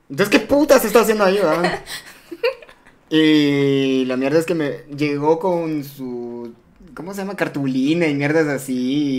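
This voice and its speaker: Crude, animated young storyteller man. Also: fairly high pitch. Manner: crude, animated, acts out quoted voices. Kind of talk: casual storytelling chat.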